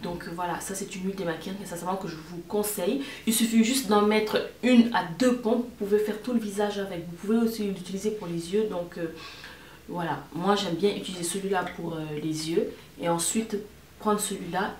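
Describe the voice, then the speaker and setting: A woman's voice: medium pitch, brisk, a little mellow. A woman giving a casual product review to camera as a beauty vlogger, repeating words and phrases for emphasis. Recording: roomy echo, distant mic, faint noise.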